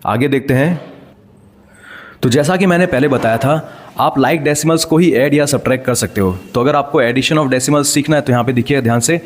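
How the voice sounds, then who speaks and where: A math teacher explains decimals step by step, patient and checking in with frequent rhetorical questions. He speaks at a normal speed in a mid-range voice, and the recording carries a long hall reverb.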